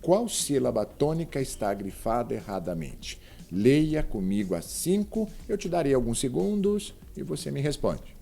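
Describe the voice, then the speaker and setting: A Brazilian man gives an online grammar lesson in a mellow, relaxed voice. His pitch swings up and down with plenty of animation. He slows right down on the example words and talks straight to the viewer, with faint music underneath. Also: gravelly. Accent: Brazilian Portuguese. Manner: didactic, spells words out slowly and addresses the viewer directly. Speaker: Portuguese grammar teacher.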